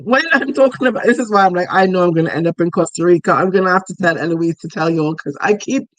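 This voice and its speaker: A woman coach teaching casually on a live show, chatty and animated, acting out the voices of the people she quotes. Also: fairly low pitch, quick pace, dry recording, poor audio. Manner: chatty, laughs while talking. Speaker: money mindset coach.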